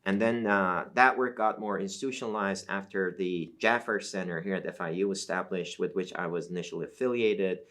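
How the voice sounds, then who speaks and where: This academic interview features a professor guest, a middle-aged Iranian whose mother tongue is Azeri Turkish. He talks in a low-pitched, slightly bright voice, measured and explanatory, with plenty of fillers.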